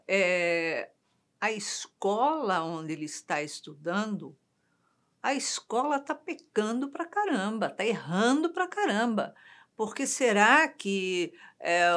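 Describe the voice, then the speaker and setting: A woman with a Brazilian Portuguese accent hosting a talk program, emphatic and pressing her points. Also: lowish voice. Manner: emphatic, indignant when arguing a point. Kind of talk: casual discussion on a talk program.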